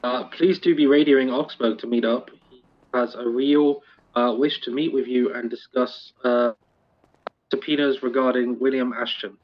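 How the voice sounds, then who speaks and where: A man playing a police superior in a game roleplay, measured and firm yet apologetic. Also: medium pitch, steady tone, muffled recording.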